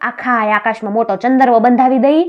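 A woman's voice: on the high side, fairly even intonation, a little fast, lo-fi sound, faint music behind, pitched above the performer's own voice, natural voice. A woman voicing a scheming male royal minister who grumbles slyly. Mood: grumbling.

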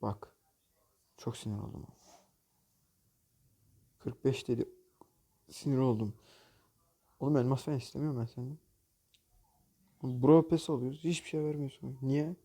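A man's voice: medium pitch, steady tone, moderate pace, long pauses, dark tone. A man hosting a gaming channel, commenting on opening loot boxes in a mobile game, exasperated and jokey, often cursing at the game.

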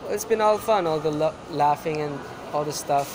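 A man's voice: on the high side, moderate pace, natural voice. A teenage boy acting as an impulsive schoolboy fixated on a fad, talking in a restless, insistent way. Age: teens. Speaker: student obsessed with boxing gloves. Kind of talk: student short film acting. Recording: loud background noise.

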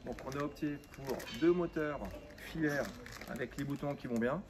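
A man's voice: a little high, moderate pace. A man in his forties, hosting a home DIY video, explaining each step in a plain, matter-of-fact way. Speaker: DIY channel host. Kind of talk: casual step-by-step DIY narration. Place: home room by windows, indoors. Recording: echoey room, distant mic, background noise.

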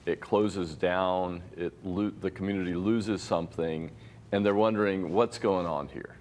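A middle-aged man, a journalist guest, calmly explaining his reporting in a TV news studio interview. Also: deep voice, slight background noise. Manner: measured, explanatory, paraphrasing sources. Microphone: lapel mic.

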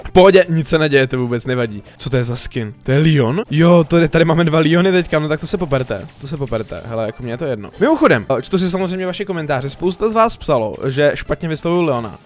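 Excitable man giving game commentary. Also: on the high side. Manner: chatty, excitable, talks straight to viewers. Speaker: gaming channel host. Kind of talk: gameplay commentary. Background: faint background music.

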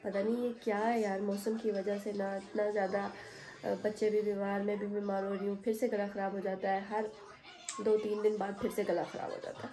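A woman's voice: mid-range voice, flat delivery, fairly quick, warm tone. A woman in her thirties vlogging casually with a sore throat, talking straight to viewers from home and on a shopping trip, on a handheld phone. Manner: chatty, talks straight to viewers. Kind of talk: casual vlog chat.

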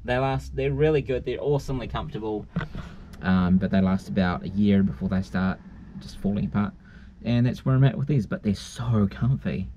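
A man with a lowish, mellow voice talks a little fast as he rambles casually to camera inside his car during a food taste test. The camera sits at arm's length, giving dull, noisy audio.

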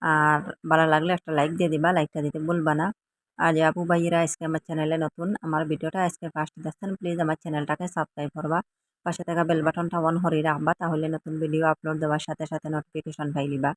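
A woman's voice: sits low, level tone, very fast, a little hiss or hum. A woman from Assam with a Sylheti accent, chatting to viewers in a casual cooking vlog in a rambling, chatty way. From Assam, India. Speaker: vlogger.

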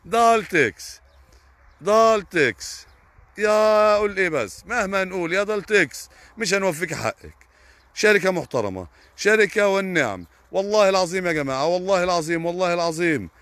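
Fast, heated young Egyptian farmer. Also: male voice, high voice, lively intonation, fairly bright tone, dry recording. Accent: Egyptian Arabic. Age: young adult. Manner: heated, indignant, fast and emphatic with repeated oaths. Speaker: potato farmer streaming live. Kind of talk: live stream reading viewer comments.

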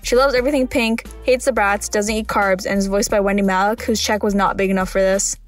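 A woman's voice: mid-range voice, fairly even intonation, a little fast, soft background music. A woman narrating scripted video commentary with dry, wry humour.

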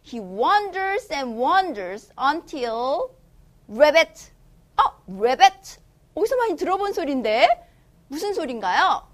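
Woman storybook tutor, slow and deliberate delivery, playful and exclamatory, reads aloud and explains. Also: sits high. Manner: animated, exclamatory, playful teacher tone. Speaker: English tutor reading a picture book.

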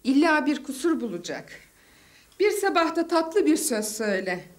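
An actress playing a middle-aged mother in a sitcom who gently scolds her family. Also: high voice, very animated, normal speed. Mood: chiding. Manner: motherly, chiding. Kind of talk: sitcom acting.

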